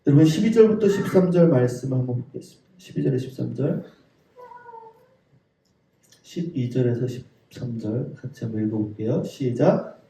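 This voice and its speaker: Man, middle-aged pastor, sermon, fervent, voice rising and falling, mellow dark tone, echoey church, distant mic. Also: expressive, moderate pace. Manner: fervent preaching, voice rising high on declarations then dropping soft; addresses the congregation often. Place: church sanctuary.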